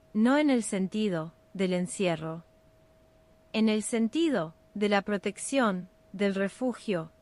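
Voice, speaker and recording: A woman with a Rioplatense Spanish accent narrates a scripted bedtime meditation at medium pitch. Her ASMR style is soothing, unhurried, and measured.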